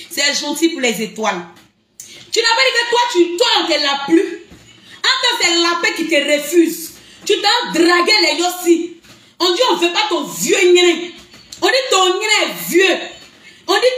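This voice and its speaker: A woman's voice: very high voice, fairly bright tone, echoey room. A woman hosting a live stream, teasing and laughing, with sing-song mimicry. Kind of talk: mocking live-stream commentary.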